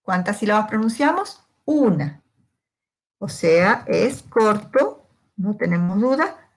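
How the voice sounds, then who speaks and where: A woman walks through a grammar lesson at a deliberately slow pace. Her voice sits in an ordinary middle register. She is patient and poses questions to her students, then answers them herself. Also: medium pitch, expressive. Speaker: English teacher.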